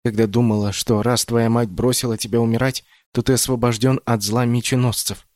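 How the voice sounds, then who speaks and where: A man's voice: medium pitch, flat delivery, brisk, darkish tone, no room sound, clean studio sound, lightly acted. A man doing Mama Rila, a loving stern storyteller. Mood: earnest. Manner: tender, pleading, then proudly stern.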